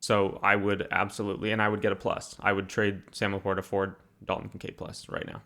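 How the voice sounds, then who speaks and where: A man's voice: on the low side, completely flat delivery, a little fast, sharp tone. A young man hosting a casual podcast, talking in an emphatic, opinionated way. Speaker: podcast host. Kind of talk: casual chat.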